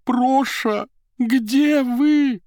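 A man voicing a hysterical young female secretary, shrill and wailing, her musical voice slightly nasal from crying. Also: drawn-out words, warm tone, no room sound, clean studio sound, full character voice.

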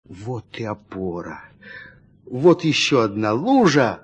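A man narrating a story in an expressive, dramatic reading style. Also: on the low side, takes it slowly, slightly rough, dull audio. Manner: lively, dramatic storytelling with shifting emphasis.

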